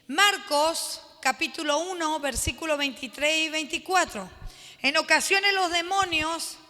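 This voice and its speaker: A woman pastor leading an animated Bible study sermon, laughing often and acting out the quotes. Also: very high voice, big-room sound.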